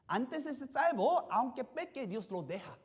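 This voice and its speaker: A pastor preaching a sermon in simple, halting sentences. The pastor keeps asking the congregation questions and checking in with "yes?". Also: medium pitch, big pitch swings. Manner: simple, halting phrasing with restarts.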